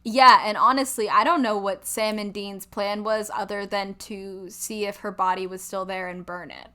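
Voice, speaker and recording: Young woman podcast co-host, bright voice, chatty and animated, casual talk. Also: medium pitch, moderate pace, clean tone. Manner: chatty, lots of "like", animated asides. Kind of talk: casual chat.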